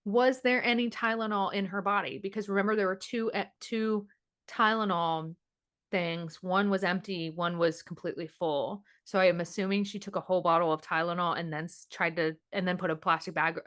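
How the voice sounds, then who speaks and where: A woman's voice: fairly low pitch, steady tone, normal speed, fairly bright tone, no echo, clean studio sound. A woman in her late twenties co-hosting a true-crime podcast, chatting casually with lots of fillers and restarts. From Florida. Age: late 20s. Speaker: podcast co-host.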